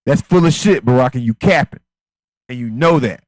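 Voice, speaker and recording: A man's voice: medium pitch, normal speed, a little mellow, no echo, low-quality recording. A man co-hosting a casual political chat show, ranting emphatically with lots of repetition. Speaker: co-host.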